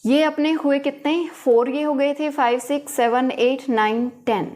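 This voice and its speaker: Brief: woman teacher, fairly high voice, slow and patient, explains step by step while writing. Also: fairly even intonation, a little mellow. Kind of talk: phonetics lesson at a board.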